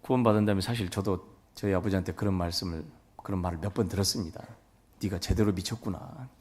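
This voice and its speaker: Husky-voiced male pastor preaching. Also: sits low, fairly even intonation, very fast, darkish tone. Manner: folksy storytelling, acts out family dialogue. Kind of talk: sermon. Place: church sanctuary.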